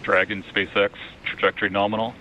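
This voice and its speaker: Clipped man on breaking up space radio. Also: on the low side. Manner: clipped, flat, rapid procedural delivery. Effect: breaking up space radio loop. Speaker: mission control flight controller. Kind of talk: terse radio callouts. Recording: muffled, distant radio channel with faint noise.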